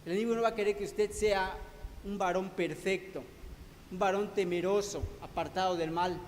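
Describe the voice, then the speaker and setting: A man's voice: high-pitched, steady tone, moderate pace. A man preaching a sermon to his congregation in a church hall, calling them brothers and asking rhetorical questions. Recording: long hall reverb, faint background noise.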